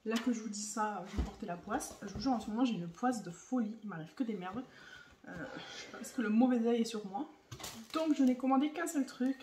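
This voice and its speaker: A young woman vlogger unboxing makeup in casual chat, gushing and excitable as she talks to her viewers. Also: a little high, a little hiss or hum. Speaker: beauty vlogger. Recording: echoey room, voice a bit far from the mic.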